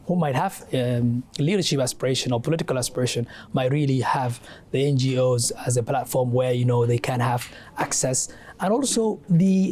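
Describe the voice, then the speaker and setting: A young man from Somalia, a guest adviser and academic, answering interview questions in a halting way with many fillers and restarts. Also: on the high side, warm tone. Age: young adult.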